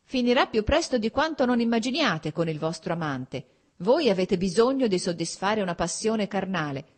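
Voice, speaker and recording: A woman doing a shrill, cold stern husband. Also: lively intonation, moderate pace, lightly acted. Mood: shrill anger. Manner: harsh, cutting, formal. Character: cold stern middle-aged husband, shrill when angry.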